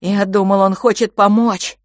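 A woman's voice: medium pitch, little pitch movement, no room sound, pitched above the performer's own voice, natural voice. A woman voicing a frightened young boy close to tears who stammers and breaks off mid-sentence. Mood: frightened halting. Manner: halting, stammering, unsure.

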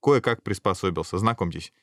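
A mild, philosophical dragon head from a storybook, read by a man, unhurried and polite. The voice is close and dry. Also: deep voice, a bit bright, dry recording. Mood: amiable.

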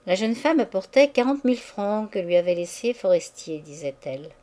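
A woman narrating a classic novel as an audiobook reader. Her reading is measured and expressive, shaping each phrase with care. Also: medium pitch.

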